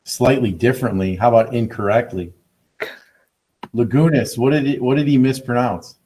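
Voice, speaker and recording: A man's voice: mid-range voice, normal speed, warm tone, a little hiss or hum. A male biology teacher teaching an online class by video call, teasing and sarcastic with his students.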